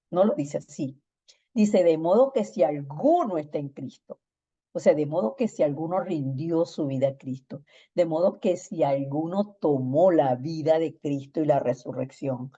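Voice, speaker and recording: Animated woman teaching a Bible lesson. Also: deep voice, husky, muffled recording. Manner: animated storytelling, acting out text-message exchanges. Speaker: discipleship teacher.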